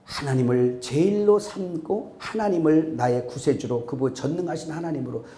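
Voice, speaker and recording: A man preaching a sermon as pastor. He is impassioned and swings from loud exclamations to hushed asides. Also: fairly high pitch, moderate pace. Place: church sanctuary. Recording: echoey church hall.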